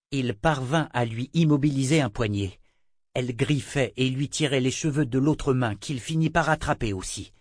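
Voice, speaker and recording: A man narrating an audiobook in a measured, even storytelling manner on a close studio mic. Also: mid-range voice, no echo.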